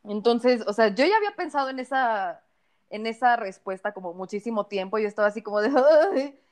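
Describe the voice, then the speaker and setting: A woman's voice: on the high side, animated, brisk. Slangy, laughing Mexican woman chatting. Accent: Mexican Spanish. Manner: slangy, laughing storyteller, fills with "o sea". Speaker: podcast co-host. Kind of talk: casual chat.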